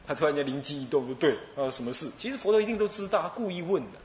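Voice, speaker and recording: A man's voice: a little high, animated, racing, echoey room, a little hiss or hum. A male Buddhist abbot with a Taiwanese Mandarin accent, preaching a sermon as a playful, laughing storyteller. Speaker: abbot and dharma teacher.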